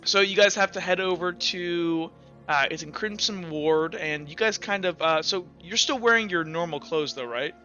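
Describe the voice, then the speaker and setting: A man with a high-pitched, bright, forceful voice improvises narration as the game master of a tabletop roleplaying game, at a moderate pace. He sounds casual and hesitant, loosely filling his lines with "like" and "kinda." The lo-fi audio is dull, with background music playing.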